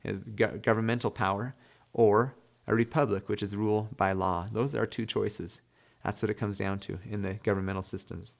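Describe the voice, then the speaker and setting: A man's voice: lowish voice, fairly even intonation, normal speed, vocal fry. A man giving an emphatic classroom-style lecture, often checking in with "okay?". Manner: emphatic, punctuates points with "okay?". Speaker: civics lecturer.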